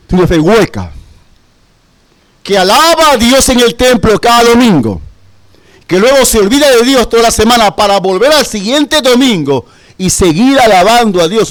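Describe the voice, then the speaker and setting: A man preaching a sermon as pastor, emphatic, with rhetorical questions and repeated key words. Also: high-pitched.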